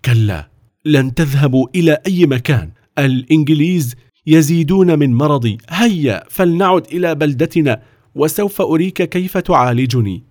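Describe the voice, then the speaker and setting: A man's voice: a little high, expressive, brisk, a little mellow, voice pushed up. A man voicing a determined mother who speaks firmly, in a storybook reading. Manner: firm, resolute. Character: elderly mother, firm and determined.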